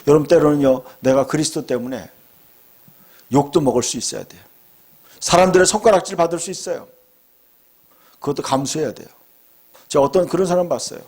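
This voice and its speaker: A man's voice: on the high side, brisk, long pauses, darkish tone, breathy edge. A middle-aged male pastor preaching a fervent sermon, often calling out to his congregation.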